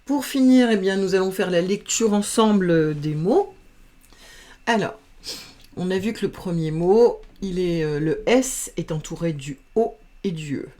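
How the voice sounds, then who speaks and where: A woman teaching children to read, talking at a very slow, careful pace. Her voice is low and mellow, and she patiently sounds out each letter and syllable. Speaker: reading teacher. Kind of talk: slow phonics lesson.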